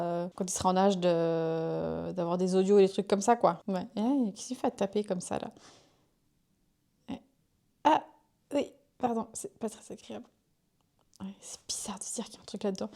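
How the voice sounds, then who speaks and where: A woman's voice: mid-range voice, mellow. A young woman, pregnant, chatting casually to her viewers in a rambling, self-interrupting way. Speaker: vlogger. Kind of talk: casual chat to camera.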